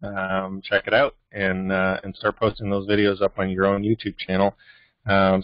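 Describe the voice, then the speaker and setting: Low-voiced Canadian man on a lo-fi call. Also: no room sound. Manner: rambling, many fillers and restarts. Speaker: host of a business training call. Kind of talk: casual motivational talk.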